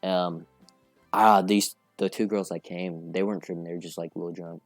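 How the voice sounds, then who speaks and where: In a low voice with a steady tone, a young man appearing as a podcast guest talks a little fast through a long, meandering story, full of fillers and laughter. There's no room sound, just faint music in the background.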